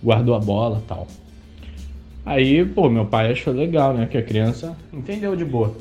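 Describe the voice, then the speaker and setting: A man's voice: medium pitch, animated, normal speed, warm tone, soft background music. A man from Brazil, a podcast host, telling a personal story in a chatty, indignant way. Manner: chatty, indignant, many fillers. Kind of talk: casual storytelling monologue.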